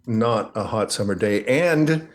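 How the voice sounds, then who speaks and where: A man's voice: on the low side, animated, unhurried. A man chatting casually on a game stream, rambling and joking. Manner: rambling, jokey, laughs often.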